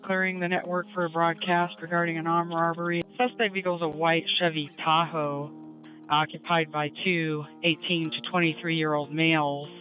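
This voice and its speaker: A middle-aged woman police dispatcher speaking over police radio, calm and measured, repeating key details. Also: sits low, highs cut off, soft background music. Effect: police radio transmission. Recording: archived police radio audio.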